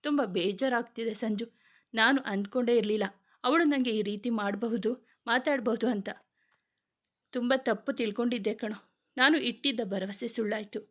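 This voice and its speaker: A woman's voice: on the high side, normal speed, close to an everyday voice. A curt, wounded young husband in a storybook romance, as a woman narrator reads his lines. He speaks in a withdrawn way. The recording is dull and lo-fi. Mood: hurt. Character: young man, hurt and cold husband.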